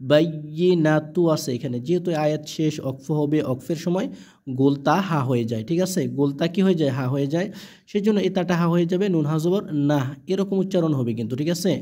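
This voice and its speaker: A man teaching Quran reading, spelling each word letter by letter and then reciting it with long drawn-out vowels, with short explanations of the rules in between. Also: fairly high pitch, mellow. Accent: Bangladeshi.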